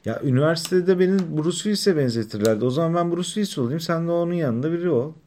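A man's voice: a little high, animated, quick pace, a little mellow. A man co-hosting a radio show, joking and teasing in crude casual slang. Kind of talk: casual banter on air.

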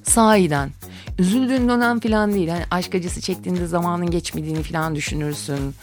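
A woman's voice: fairly low pitch, fast talker, over music. A woman in her forties chatting casually and gossipily on her own show, often dropping into whispered asides. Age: 40s.

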